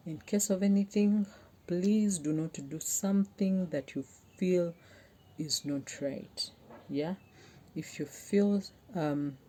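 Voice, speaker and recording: A woman's voice: sits low, mellow, slight background noise. A young woman vlogger talking earnestly to her viewers, pleading and heartfelt as she gives relationship advice. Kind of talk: personal talk to camera.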